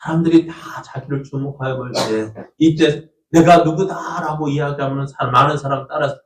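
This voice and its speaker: A man's voice: medium pitch, moderate pace. A male pastor preaching a storytelling sermon, asking the congregation questions and acting out the voices of people in the story. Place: church sanctuary. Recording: echoey church from a distant mic.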